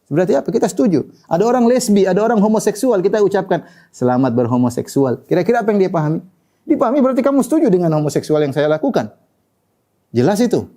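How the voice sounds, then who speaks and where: Man, preacher, sermon, rapid delivery, warm mellow tone. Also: high-pitched, expressive. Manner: rhetorical questions, plain colloquial asides. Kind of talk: lecture-style sermon.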